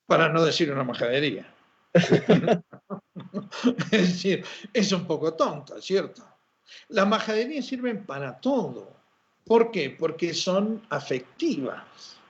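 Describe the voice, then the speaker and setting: A fairly high-voiced man explains his ideas with a teacher's energy, posing questions and answering them himself. The recording sounds dull and lo-fi, with the top end muffled. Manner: lively teacherly, asks and answers his own rhetorical questions. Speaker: interview guest. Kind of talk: explanatory interview talk. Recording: muffled lo-fi audio.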